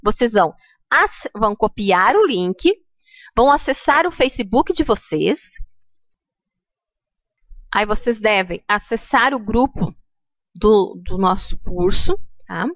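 A woman's voice: mid-range voice, lively intonation, slow pace, long pauses, fairly bright tone, no room sound. A middle-aged woman with a Brazilian Portuguese accent, guiding teachers through a screen-recorded tutorial step by step and often checking in with her listeners. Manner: patient, explains step by step, checks in with "tá?". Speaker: teacher trainer.

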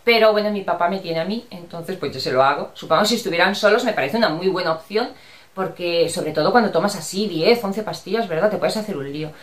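A woman's voice: fairly low pitch, fast. A chatty, affectionate middle-aged woman from Spain, casually answering her viewers, with a Spanish accent that slips into Andalusian at times. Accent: Spanish from Spain, with Andalusian touches. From Barcelona, Spain. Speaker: vlogger answering viewer comments. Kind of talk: casual chat. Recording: roomy echo.

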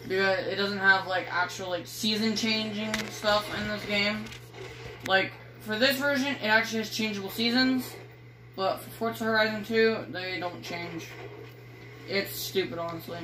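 A teenage girl casually commentating a driving game she films with her phone in a dark room at home, rambling and teasing with casual swearing. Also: medium pitch, fairly even intonation, normal speed. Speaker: gaming video creator. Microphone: phone filming a screen. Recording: echoey room with faint noise.

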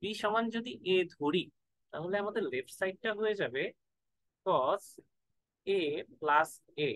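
A man's voice: sits high, animated, slow, fairly bright tone, dry recording, low-quality recording. A man tutoring math in a casual lesson, thinking aloud and stretching words out while he works through formulas. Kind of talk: casual lesson, mixing in English.

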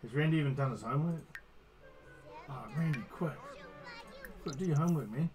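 A man's voice: fairly high pitch, a little fast, darkish tone, low-quality recording. Teasing, foul-mouthed man narrating gameplay. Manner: teasing, swears at the game characters. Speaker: gaming streamer. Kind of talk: casual gameplay commentary.

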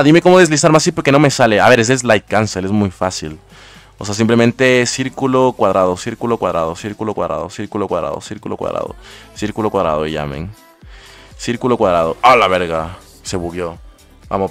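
A man's voice: lowish voice, a bit bright. A young man from Ecuador with an Ecuadorian Spanish accent, casually chatting through live gameplay commentary and answering his chat in slangy talk. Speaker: gaming streamer.

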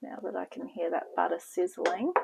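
A woman giving a relaxed, step-by-step cooking demonstration in her home kitchen, talking toward a camera on the counter. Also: on the low side, vocal fry. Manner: slow, relaxed step-by-step instructions with frequent "okay". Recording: noisy home video with kitchen clatter.

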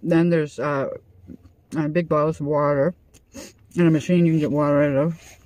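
A woman's voice: sits low, fairly even intonation, normal speed, darkish tone, no echo. Woman, sixties, casual mealtime chat, chewing while talking, inside a car. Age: 60s. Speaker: vlog host. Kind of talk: casual chat over a meal. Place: inside a parked car at night.

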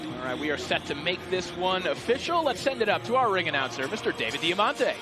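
High-pitched, animated male boxing commentator. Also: fast. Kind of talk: live sports commentary. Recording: loud music and crowd behind voice. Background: arena crowd and music.

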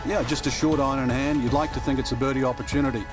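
A man's voice: medium pitch, fairly even intonation, quick pace, music in the background, close to an everyday voice. A man playing a golf commentator in a video game, giving analysis. He sounds conversational and knowing, explaining the play as a broadcast colour analyst. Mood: analytical.

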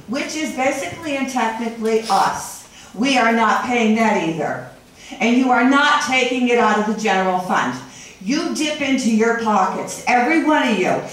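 During public comment at a council meeting, a middle-aged woman with a slightly high voice takes a confrontational, accusing tone. She is heard from a distant camera via the podium's room mic, in a very echoey wood-paneled chamber with slight background noise.

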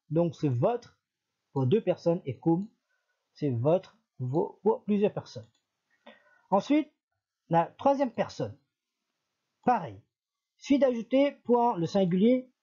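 A man's voice: on the high side, mellow, husky, lo-fi sound. A man teaching an Arabic lesson, patiently repeating each example and correcting himself as he goes. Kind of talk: recorded language lesson.

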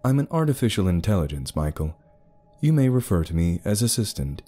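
A man voicing a calm overseer AI. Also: low voice, faint music behind. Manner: measured and explanatory. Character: calm male artificial intelligence overseeing a world.

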